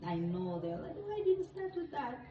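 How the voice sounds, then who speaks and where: A woman's voice: high-pitched, big pitch swings, fairly quick, roomy sound, lo-fi sound, noisy background. A woman in her thirties from Tanzania, co-hosting a casual vlog chat in earnest, English. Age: 30s. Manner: earnest, non-native grammar. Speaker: vlog co-host.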